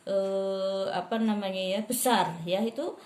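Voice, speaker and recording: A woman's voice: fairly low pitch, normal speed, echoey room. A woman lecturer in rhetoric, giving a class on preparing sermons and modeling intonation aloud.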